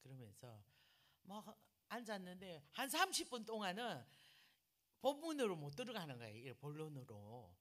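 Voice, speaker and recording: A middle-aged woman pastor with a Gyeongsang accent, telling a story in a sermon. She is animated and swings from loud remarks to near-whispered asides. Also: fairly low pitch, moderate pace. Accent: Gyeongsang Korean.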